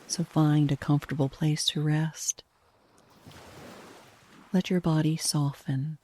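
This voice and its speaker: A woman narrates a guided sleep meditation in a soft, breathy hush, gentle and soothing. Her voice sits low with a level tone, and she never hurries.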